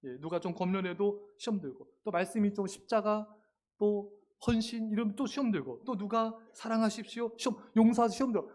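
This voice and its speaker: A male pastor delivers a Sunday sermon in a church, his voice sitting notably high for a man. He is emphatic and keeps turning to address the congregation directly. He weaves in humorous stories as he preaches. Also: brisk, darkish tone. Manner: emphatic, often calls out to the congregation; humorous anecdotal storytelling. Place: church sanctuary.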